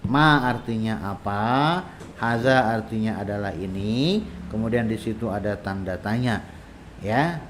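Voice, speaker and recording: A man teaching Arabic in a casual online lesson, explaining patiently and drawing out example phrases slowly. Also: on the low side, animated, slight background noise.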